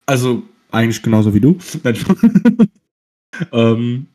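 A man's voice: mid-range voice, steady tone, unhurried. Man on a clipping, fuzz-distorted mic. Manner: loud, rambling, slangy. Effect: clipping fuzz distortion from an overdriven mic. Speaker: podcast host. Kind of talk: casual chat. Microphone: home mic at home, input set too high.

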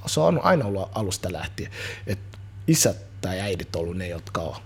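A man in his thirties, a musician and youth football coach, talking in a casual interview in an energetic, slangy, rambling way full of restarts. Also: low voice, slightly rough.

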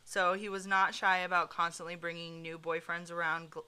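A woman's voice: on the low side, little pitch movement, moderate pace, sharp tone, clear, resonant tone. A woman hosting a podcast, telling a true crime story in casual chat, full of fillers and swearing. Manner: chatty, many fillers like "like", swears freely. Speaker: podcast host.

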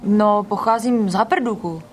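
A woman's voice: mid-range voice, faint music behind. A woman playing a character in a tabletop game, polite and questioning. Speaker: player.

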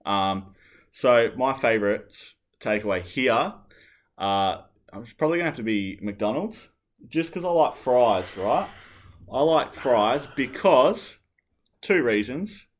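A man's voice: medium pitch, animated, slow. A man, co-hosting a podcast in casual, rambling chat full of fillers. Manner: rambling, filler-heavy, opinionated. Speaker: podcast co-host.

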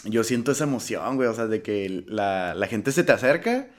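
A man's voice: lowish voice, normal speed. A young man with a Mexican accent, a guest musician chatting casually, telling stories full of slang and acting out the voices of the people he quotes. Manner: animated storytelling with slang. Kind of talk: casual conversation.

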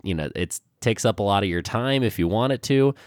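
A young man co-hosting a casual podcast, nasal and congested from a cold, hesitant with many pauses and ums. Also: fairly low pitch, expressive, no echo, studio quality. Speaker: podcast co-host.

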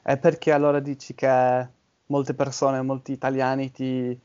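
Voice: mid-range voice, flat delivery, normal speed, a little mellow, smooth, highs cut off. A native English speaker from southern England with an English accent, chatting casually and searching for words in a second language. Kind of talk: casual chat about languages.

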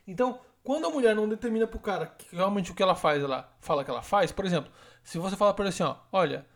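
A man who hosts a relationship advice podcast. He lectures emphatically and acts out example lines in a softer voice. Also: high-pitched, animated, racing.

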